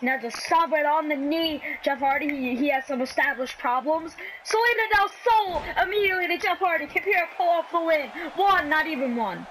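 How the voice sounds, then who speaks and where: A woman casually commentating on a wrestling video game as she plays, calling the action in an excitable, scrappy way. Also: sits high, a little fast, hardly any pauses, a little hiss or hum, rough recording.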